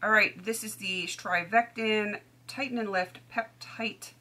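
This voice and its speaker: A woman chatting casually as she reviews used-up beauty products, chatty and self-deprecating, with soft asides. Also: medium pitch, steady tone, a little slow. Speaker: beauty vlogger.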